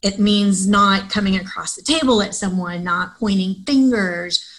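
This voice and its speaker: A woman co-hosting a podcast, explaining points in a measured way in casual discussion. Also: mid-range voice, a bit bright, rough recording. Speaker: podcast co-host.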